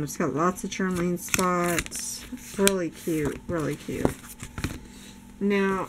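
Filmed from overhead at her indoor craft table, a crafting vlogger in her later years does a casual show-and-tell of her haul. Her fairly low voice is fading, yet she stays chatty and eager, laughing frequently, on a noisy home recording.

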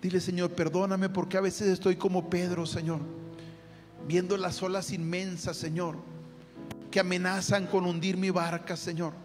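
With a high-pitched voice that barely moves in pitch, a man leads a passionate spoken prayer at a moderate pace, addressing the Lord after nearly each phrase. Gentle guitar music plays under a long hall reverb.

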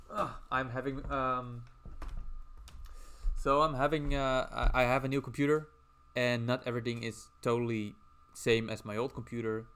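A man's voice: medium pitch, steady tone, measured pace, a bit bright, clean tone. A man streaming casually as he draws, rambling and chatting while reading out viewer messages. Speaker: livestreamer.

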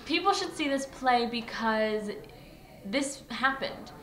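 A woman's voice: on the high side, lively intonation, slow pace, fairly bright tone. A young woman, an actress, answering interview questions earnestly, with many fillers. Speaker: actress interviewed about a play. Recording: echoey room with faint ambience.

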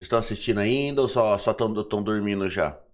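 A man's voice: lowish voice, quick pace. A young Brazilian man teaching a casual live online class, playful and chatty, greeting viewers by name, sounding sleepy. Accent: Brazilian Portuguese.

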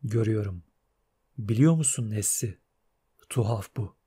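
A man voicing a grim male monster hunter who speaks in low, clipped lines in an audiobook. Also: measured pace, dark tone, husky. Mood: calm, terse.

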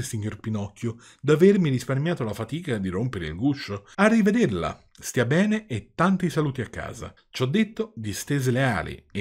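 Animated male storybook reader. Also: medium pitch, slightly rough. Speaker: narrator, reader. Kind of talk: storybook reading.

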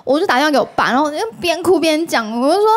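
A talk show guest with a Taiwanese Mandarin accent tells a story casually, animatedly acting out the voices and quoted dialogue of the people in it. Her voice is high-pitched and rapid-fire, with a crowd audible behind her.

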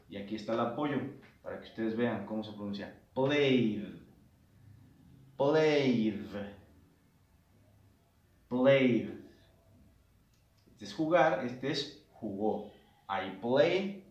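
A man teaching English to children, repeating words slowly and patiently in a classroom-lesson style. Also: mid-range voice, dull audio. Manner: slow, repetitive drilling of words. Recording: roomy, distant from the mic.

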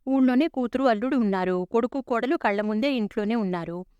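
A woman's voice: on the high side, fast talker, a little mellow, smooth, no echo, lo-fi sound, close to an everyday voice. Woman voicing a teasing old wife. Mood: wry. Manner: wry, teasing.

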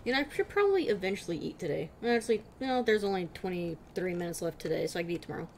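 A woman's voice: fairly low pitch, animated, fast, slight background noise. A woman chatting casually and teasingly while playing a video game. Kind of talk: casual gaming chat.

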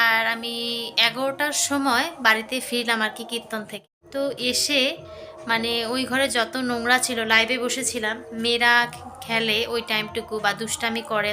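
Woman vlogger, casual chatty narration, phone mic, music underneath. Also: a little high. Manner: chatty, talks straight to viewers as friends. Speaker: lifestyle vlogger. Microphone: handheld phone camera.

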